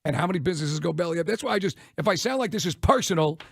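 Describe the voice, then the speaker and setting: An American man hosting a radio show in casual, chatty, opinionated talk with an animated manner. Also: a little high, very fast, gravelly, slightly rough, dry recording, clean studio sound. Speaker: sports radio host. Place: radio studio. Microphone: close broadcast microphone.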